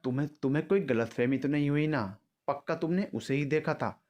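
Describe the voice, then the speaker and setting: A man voicing an anxious young businessman in a storybook drama, giving quick clipped orders. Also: medium pitch, expressive, close to an everyday voice.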